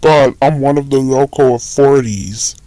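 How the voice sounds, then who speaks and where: A man's voice: medium pitch, steady tone, moderate pace, warm tone, dry recording, close to an everyday voice, low-quality recording. A man playing a scolding, threatening evil cartoon mouse in a hobby horror scenario.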